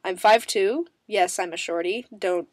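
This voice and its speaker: A woman's voice: mid-range voice, a little slow, darkish tone, no room sound. A woman chatting casually to camera, bubbly and rambling, her voice scratchy as she recovers from a sore throat. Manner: bubbly, self-mocking, rambling with many ums. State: raspy voice, recovering from strep throat, coughing. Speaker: vlogger answering viewer questions.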